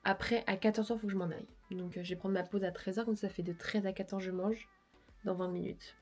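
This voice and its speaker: A woman's voice: medium pitch, steady tone, fast talker, a little mellow, soft background music. A woman vlogger with a cold, talking in a nasal voice, chatting casually and rambling with self-mocking asides. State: sick with a cold. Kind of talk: casual vlog chat. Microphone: lapel mic into phone.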